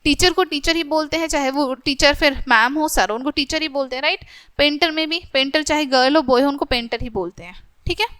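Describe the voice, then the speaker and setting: A woman teaching a grammar lesson to schoolchildren, reading English lines slowly and explaining them quickly in Hindi, often checking in with "theek hai". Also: sits high, fairly bright tone, dry recording.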